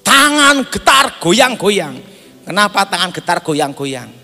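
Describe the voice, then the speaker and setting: A man's voice: high voice, slow. A man preaching a sermon, telling a personal testimony and acting out the dialogue with frequent laughter. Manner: animated storyteller, acts out dialogue, laughs often. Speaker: pastor. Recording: echoey hall with faint music.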